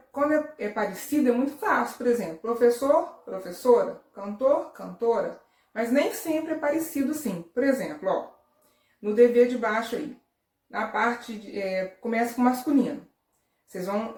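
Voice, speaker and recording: Patient teacher woman in an echoey room. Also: fairly high pitch. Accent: Brazilian Portuguese. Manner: patient, repetitive, asks children "tá?" and "né?". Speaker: primary school teacher. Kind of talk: recorded remote lesson for young children. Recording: echoey room, voice a bit far from the mic.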